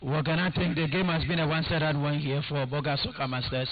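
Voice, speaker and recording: A man's voice: fairly high pitch, fairly even intonation, fast. A man giving football analysis as co-commentator, with a hesitant delivery and frequent fillers. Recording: dull audio with crowd behind.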